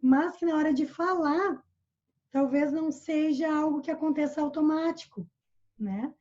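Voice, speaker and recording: A Brazilian woman gives an online English lesson over a video call, explaining patiently and going over examples again and again. Her voice is high and slightly mellow, at a moderate pace, and the call audio sounds muffled.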